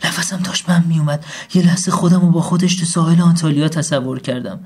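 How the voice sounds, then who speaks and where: A man narrating a comic first-person story in a deadpan tone. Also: fairly high pitch, slightly rough. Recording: faint music behind.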